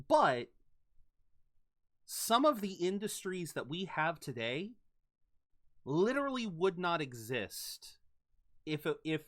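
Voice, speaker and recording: A man commenting casually on a video game stream, wandering in thought and often restarting mid-sentence. His voice is slightly high and swings widely in pitch, though his pace stays slow. Faint game music sits under him. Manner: animated, rambling, frequent restarts.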